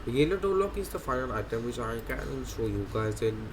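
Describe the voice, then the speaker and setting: A man with a mid-range voice and lively intonation gives brisk, unscripted commentary while narrating a game video. He explains things as he goes in a rambling way, often repeating and correcting himself. Loud music plays behind his voice, making the background noisy.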